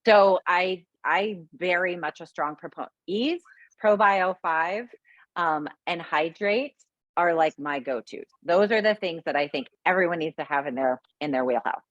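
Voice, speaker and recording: A woman's voice: lowish voice, moderate pace, no echo, lo-fi sound. A woman presenting products in a chatty, frank talk full of fillers. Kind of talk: casual sales talk.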